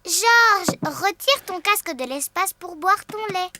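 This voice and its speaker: A woman's voice: very high-pitched, expressive, slow pace, very noisy, exaggerated voice. A woman voicing Peppa Pig, a cheeky, bossy little girl piglet in a children's cartoon, giggling as she talks. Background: children's cartoon music.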